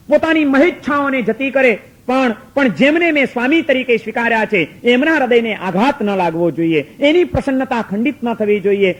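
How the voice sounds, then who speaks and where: Preacher, male, high voice, emphatic and repetitive sermon storytelling, rhetorical questions. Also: poor audio.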